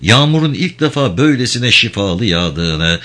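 A man tells a dark story in intense, dramatic narration. His voice is very low but bright and forceful. His pitch rises and falls widely as he reads. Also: sing-song, moderate pace.

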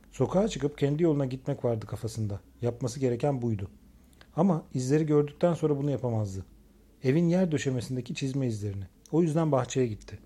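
A man reading a crime novel aloud in steady, measured scripted narration. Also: mid-range voice, husky. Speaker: audiobook narrator.

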